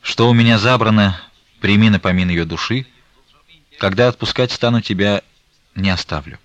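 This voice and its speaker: A man reading the part of a stern, grieving old merchant, talking in a slow, weighty, reproachful way. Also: lowish voice, dry recording, highs cut off, natural voice.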